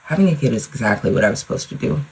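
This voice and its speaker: A woman's voice: a bass voice, lively intonation, very fast, gravelly, a little mellow, husky, rough recording. A young woman, a mother, hosting her own podcast in a rambling, casual solo chat full of "like" and the odd swear word. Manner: chatty, rambling, lots of "like", with swearing. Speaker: podcast host. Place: at home, in front of a mirror.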